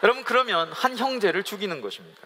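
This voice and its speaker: A male pastor with a high, ringing voice gives a lively sermon. He mixes humor and playful acting-out of couples' quarrels, and leads the congregation in call-and-response. His voice carries through the long reverb of a large worship hall. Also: quick pace, slight background noise. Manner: humorous, acts out quoted couple dialogue.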